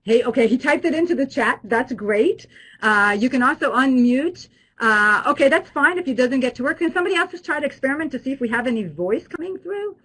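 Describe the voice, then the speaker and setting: A woman's voice: high voice, expressive, brisk, fairly bright tone, breathy edge, low-quality recording. A woman professor who grew up in Israel, hosting an online alumni webinar in a friendly way with many fillers and restarts. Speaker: business school professor.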